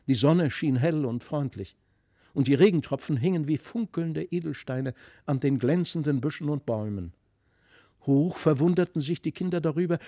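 A man narrates an old fairy tale for an audiobook. His reading is expressive and dramatic, in a voice on the higher side. The sound is close and dry. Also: dry recording.

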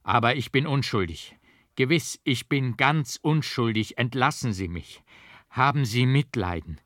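A man's voice: mid-range voice, expressive, measured pace, fairly bright tone, dry recording. A man voicing an accused man who protests his innocence in an agitated, emphatic way, recorded dry. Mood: desperate. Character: accused man, proud and desperate.

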